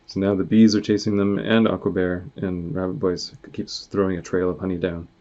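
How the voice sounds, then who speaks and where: An author reads his own comic aloud as an animated storybook, casually acting out the dialogue and sound effects. His low, dark voice is brisk and level in tone, and the lo-fi recording sounds dull and muffled.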